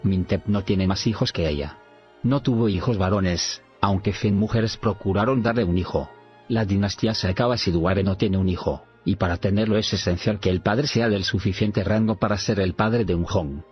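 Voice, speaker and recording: A grave, honorable warrior nobleman speaks in a low, measured voice, as a man reading the audiobook puts him on. His lines come across in a steady, serious audiobook reading. The recording sounds slightly dull, with faint music playing underneath. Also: lightly acted. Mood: explaining.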